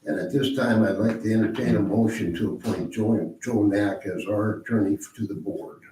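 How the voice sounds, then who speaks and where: Male meeting chair, hoarse and raspy, low pitch, formal procedural delivery, distant echoey room mic. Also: steady tone, moderate pace, warm tone. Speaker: mayor chairing an electoral board meeting. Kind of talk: formal meeting procedure, reading prepared remarks. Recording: roomy, distant mic, faint noise.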